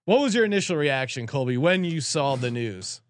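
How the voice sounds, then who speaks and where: A man's voice: medium pitch, very animated, normal speed, dry recording. A man hosting a sports podcast, talking in a chatty, informal way. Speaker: podcast host. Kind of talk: casual sports betting talk with sponsor reads.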